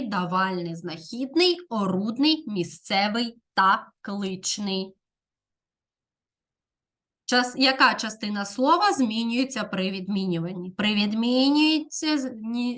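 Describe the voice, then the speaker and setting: A woman teacher giving a grammar lesson to fourth graders, dictating slowly and enunciating each word clearly. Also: medium pitch, fairly bright tone. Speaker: primary school teacher.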